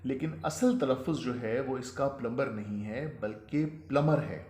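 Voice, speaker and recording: A man with a Pakistani Urdu accent giving a pronunciation lesson, explaining slowly and repeating each word. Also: mid-range voice, a little mellow, roomy sound. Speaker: teacher.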